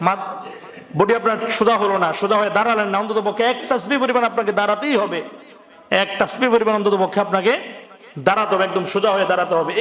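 A man preaching a sermon to a gathering, asking the crowd questions and dropping his voice low on each warning. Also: fairly bright tone. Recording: echoey hall.

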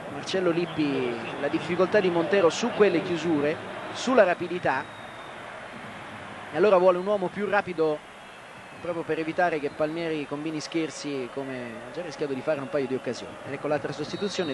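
A man's voice: a little high, a little fast. A man giving live football play-by-play in short, clipped phrases, naming players as they touch the ball. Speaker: football commentator. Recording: loud outdoor stadium noise, old broadcast. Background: outdoor stadium ambience.

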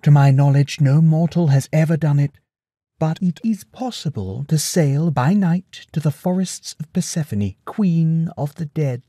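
A man voicing a female nymph, a lesser goddess, speaking tentatively and gravely. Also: on the high side, a little slow, dark tone, no echo, clean studio sound, voice pushed up. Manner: tentative, grave when explaining.

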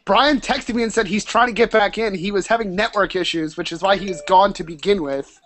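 Male host, high-pitched, chatty and excitable, video-call chat show. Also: a little fast.

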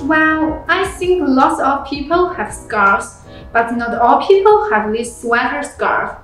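A woman's voice: high voice, slow pace. Young woman in a very echoey room. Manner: reads a script, plain and steady, with non-native phrasing. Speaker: product presenter. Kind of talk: reading a product review script. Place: small room indoors. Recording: very echoey room with background music.

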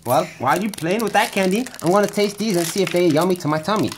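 A woman's voice: fairly low pitch, quick pace, noisy background. A woman hosting a playful candy unboxing, cooing and coaxing a child in a sing-song way. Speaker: candy unboxing channel host. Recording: crinkling candy wrappers and clicks.

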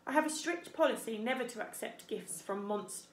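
Woman putting on a gruff, grumbling male beaver. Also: fairly high pitch, lively intonation, moderate pace, echoey room, slight background noise. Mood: stubborn. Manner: blustering, grudging, advising.

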